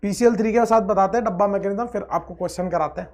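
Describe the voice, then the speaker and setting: A man teaching a chemistry lecture with energy and playfulness. He stretches out words, chants repeated phrases, and swings between loud outbursts and quiet asides. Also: sits high, very fast. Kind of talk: online exam-prep lecture.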